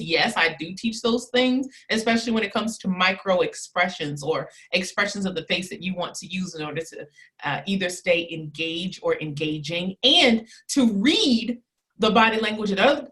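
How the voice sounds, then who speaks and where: With a lowish, fairly bright voice, this thirty-something etiquette teacher and charm academy owner talks through her approach as an interview guest. She teaches as she goes, performing sample sentences with varying stress.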